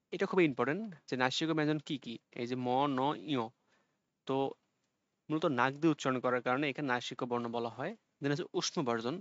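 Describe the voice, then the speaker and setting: A man teaching an online exam-prep lesson, explaining patiently and repeating sounds slowly for students to copy. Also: mid-range voice, fairly bright tone, no room sound, lo-fi sound.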